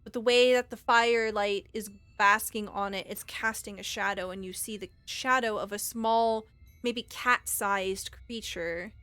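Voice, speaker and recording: A woman's voice: medium pitch, fairly even intonation, a little slow, pushed and bright, clean tone, no echo. A woman narrating a tabletop roleplaying game as game master, with descriptive, suspenseful storytelling.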